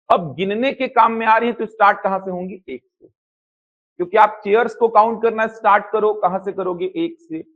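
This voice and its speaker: A man's voice: high-pitched, a bit bright. A man teaching a live math coaching class to a classroom and online viewers. He asks the students questions, answers them himself, and repeats the key points. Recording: slightly dull lo-fi classroom audio.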